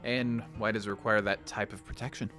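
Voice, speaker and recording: A man's voice: lowish voice, level tone, fairly quick, music in the background. A man giving let's play commentary with rambling, joking asides. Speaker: gamer.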